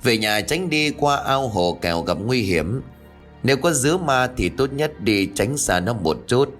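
A man voicing a calm older spirit master who gives slow, grave advice in a ghost story. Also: medium pitch, faint music behind.

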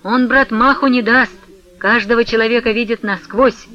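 An earnest, coaxing village headman , as a male reader puts him on, in a high and bright voice. The recording is dull, like old radio. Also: steady tone, moderate pace. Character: persuasive village headman, soothing older man.

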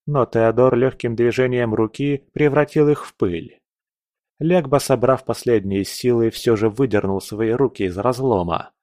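A man narrating a fantasy audiobook in a measured, dramatic reading. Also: medium pitch, a little mellow, dry recording, studio quality.

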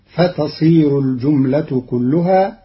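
A man speaks slowly and formally in a fairly high voice, laying out points of recitation like a radio teacher. The sound is a dull, lo-fi archival radio recording. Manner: measured, deliberate and formal. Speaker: radio presenter explaining Quran readings. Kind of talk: scripted radio explanation.

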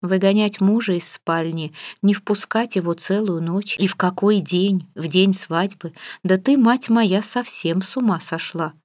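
A woman's voice: mid-range voice, a little slow, hardly any pauses, a little mellow, no echo, studio quality, natural voice. A woman reading an audiobook, voicing a stern, fussy middle-aged mother who scolds and gives orders. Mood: scolding. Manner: scolding, bossy. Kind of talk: audiobook character voice.

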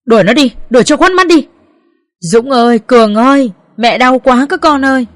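A woman's voice: sits high, expressive, quick pace, pitched above the performer's own voice. A woman playing a scolding old mother-in-law. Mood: moaning in pain. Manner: harsh, contemptuous, shouting insults.

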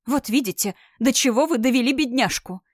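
A woman's voice: mid-range voice, expressive, a little fast, no echo, clean studio sound, lightly acted. Brief: woman playing a protective, lamenting governess in an audiobook. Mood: fussing. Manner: fussing, lamenting, indignant. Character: fussy, protective older governess.

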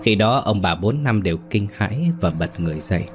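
Guy telling a ghost story, really low voice, faint music under. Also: expressive, a little fast.

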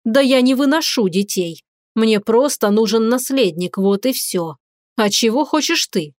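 A woman voicing a stern, commanding dragon man who heads a warrior clan, speaking in a measured, lecturing way. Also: a little high, animated, dry recording, studio quality.

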